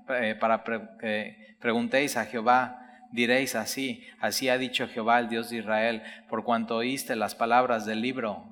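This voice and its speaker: A man's voice: medium pitch, a bit bright. A man preaching a sermon, reading Bible verses aloud and explaining them while speaking straight to the listener. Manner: reads scripture aloud then explains, addresses listener directly. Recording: long hall reverb.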